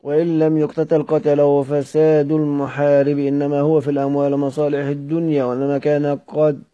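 A man teaching from a classical book, reading it aloud in a measured way and going back to repeat or correct words. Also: on the high side, monotone. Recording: dull lo-fi recording.

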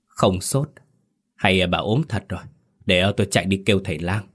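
A man voicing a caring village husband who fires off flustered, quick questions. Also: deep voice, husky. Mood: worried.

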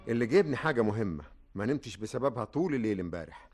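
A man's voice: mid-range voice, big pitch swings, very fast, darkish tone, faint music behind, close to an everyday voice. Actor as Mohamed: earnest young Egyptian man, plain mid voice, radio play. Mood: grave. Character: young man Mohamed, grave bearer of bad news. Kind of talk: radio drama acting.

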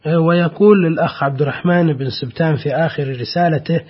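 A man hosting a radio program in formal, measured Standard Arabic, presenting and reading out listeners' letters. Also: fairly high pitch, breathy edge. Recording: dull, lo-fi radio recording.

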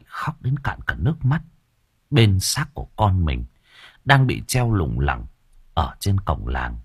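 A man narrating an audiobook story in a dramatic, expressive way. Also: low voice, husky, no echo, studio quality.

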